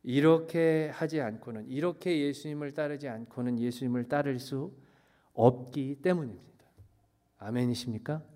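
In a medium-pitched voice and at a moderate pace, a middle-aged man preaches with strong emphasis. He shifts between loud proclamations and soft asides, and English phrases slip into his sermon.

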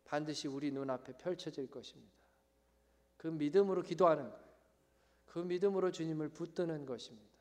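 A male pastor preaching a sermon in an animated, emphatic way. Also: fairly high pitch, fairly quick.

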